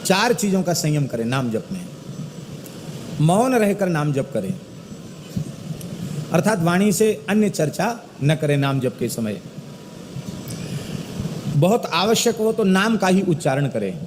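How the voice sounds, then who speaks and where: A middle-aged man delivers a religious discourse in a somewhat high voice. He chants verses slowly and then explains them with animated emphasis. The sound carries a long hall echo over a faint background noise. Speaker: spiritual teacher giving a discourse.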